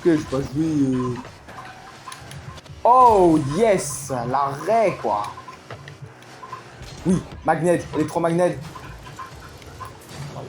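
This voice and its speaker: An excitable player talks through a match as it happens. The voice leaps up and drops back down, going from low asides to sudden cries. Soft game music plays faintly behind. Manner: excitable, swings from low mutters to loud outbursts. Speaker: gaming commentator. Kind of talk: live gameplay commentary.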